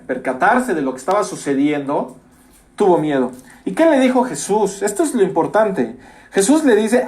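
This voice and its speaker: Emphatic preaching man, slightly high voice. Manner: emphatic preaching with repetitions and sudden loud rises. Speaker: pastor. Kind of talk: sermon. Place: church.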